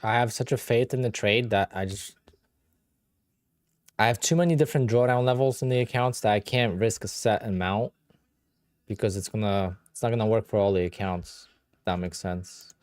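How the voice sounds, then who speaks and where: A Polish man, Polish being his first language, hosts a casual livestream and answers viewer questions in a blunt, offhand way, his English carrying a Polish accent. His voice is fairly low and his pace moderate. The recording is dry and clean, with a studio sound.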